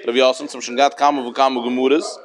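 A man's voice: mid-range voice, level tone, fast talker, a crowd in the background. Man giving lesson. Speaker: Talmud teacher. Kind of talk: Talmudic study lecture.

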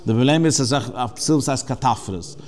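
A religious teacher leads a text study, working through scripture phrase by phrase and explaining each Hebrew term. He talks conversationally with restarts and fillers, his ordinary mid-pitched male voice fairly quick and darkish in tone.

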